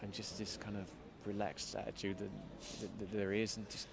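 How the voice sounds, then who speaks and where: A man's voice: lowish voice, level tone, normal speed, gravelly. A man chatting casually as an interview guest, self-deprecating and full of restarts. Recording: loud street and traffic noise.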